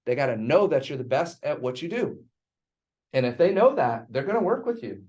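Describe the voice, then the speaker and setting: A man's voice: a little high, very animated, fairly quick, darkish tone. Guy teaching a sales class, emphatic, teasing his students a bit. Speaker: real estate sales instructor.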